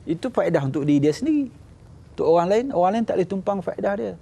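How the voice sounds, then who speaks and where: Gravelly Malaysian ustaz preaching. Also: male voice, quick pace. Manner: animated, acts out little scenes, jumps to high voices. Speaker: religious teacher. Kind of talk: lively sermon with acted dialogue.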